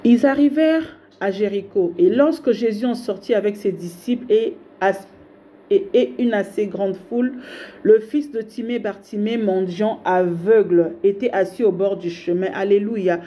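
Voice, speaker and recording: A woman's voice: medium pitch, moderate pace, dark tone. A woman preacher delivering a fervent sermon, with repeated exhortations in a rhythmic, building cadence. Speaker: prophetess preaching online.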